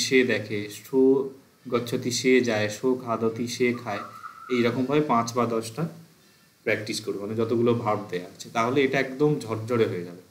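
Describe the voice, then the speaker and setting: A man's voice: mid-range voice, roomy sound. A man teaching a grammar class for exam preparation, patiently explaining step by step and reciting verb forms as drills.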